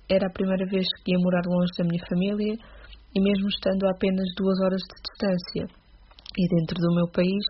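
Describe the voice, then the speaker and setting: A woman in her twenties with a European Portuguese accent reads a prepared testimony in a steady, read-aloud way. Her pitch barely moves. The recording sounds dull and lo-fi, with a faint hiss behind her. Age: 20s. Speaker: guest giving a testimony.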